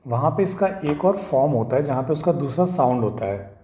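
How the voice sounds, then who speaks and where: A man's voice: mid-range voice, animated, a little fast, dark tone. A man teaching English pronunciation in a casual video lesson, repeating sounds and checking in often with "okay" and "right".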